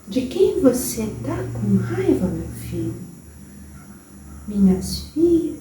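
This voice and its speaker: A woman with a Brazilian accent channeling a gentle, wise old grandmother spirit, speaking slowly and soothingly in a motherly tone that drops into whispers, recorded from a distance in a roomy space. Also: on the high side, big pitch swings, noisy background. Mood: tender. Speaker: spirit medium.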